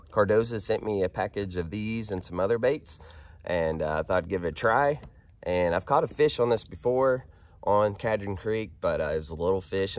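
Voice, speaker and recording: Kayak fishing on a creek, this thirties-aged Arkansan talks low and casually for his outdoor vlog, his voice froggy and hoarse with a head cold. He's chatty and cheerful, lighting up whenever he reels one in, captured by a pole-mounted action camera.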